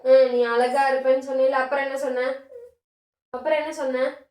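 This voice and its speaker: Coaxing high-voiced woman in a roomy space. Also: little pitch movement, normal speed. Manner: coaxing, repeats gentle questions. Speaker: mother. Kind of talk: vlog talk to a child. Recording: roomy sound from a distance.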